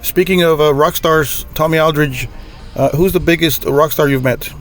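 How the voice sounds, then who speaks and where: A man's voice: fairly high pitch, normal speed, soft background music. Man asking hesitant interview questions. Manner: brief reactions, hesitant questions with fillers. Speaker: podcast interviewer.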